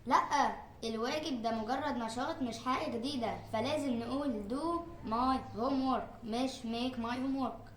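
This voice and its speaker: A woman's voice: on the high side, normal speed, hardly any pauses, roomy sound, lightly acted. A woman voicing a clever young male know-it-all who corrects mistakes with teasing jabs, in an Egyptian Arabic accent. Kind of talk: cartoon comedy skit.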